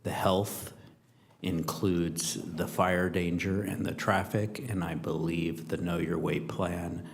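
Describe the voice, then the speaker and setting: A man chairing a formal public meeting, making motions in a measured, halting way, his audio echoing. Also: low voice, flat delivery, gravelly, noisy background. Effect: echoing audio on his line.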